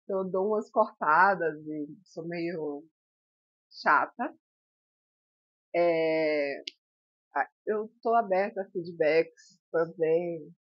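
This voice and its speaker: A woman's voice: fairly low pitch, slow pace, pauses often, no room sound, muffled recording. A woman in her thirties co-hosting a podcast, talking candidly and reflectively in casual chat. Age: 30s. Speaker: podcast co-host.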